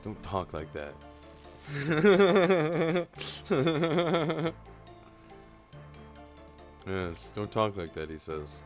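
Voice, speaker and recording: A man's voice: low-pitched, moderate pace, few pauses, faint music behind. A man streaming a game live, joking crudely with chat and muttering repeated phrases to himself.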